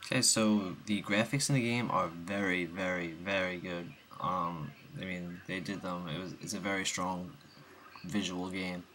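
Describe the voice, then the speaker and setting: A man's voice: deep voice, steady tone, unhurried, noisy background. A young man with the hiccups giving a rambling, casual game review voice-over, full of ums and restarts.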